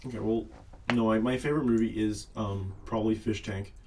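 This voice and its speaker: A man's voice: lowish voice, fairly even intonation, fairly quick, mellow. A young man co-hosting a casual podcast with friends, laid-back and swearing. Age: young adult. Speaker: podcast co-host. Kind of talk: casual chat among friends. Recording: distant mic with faint noise.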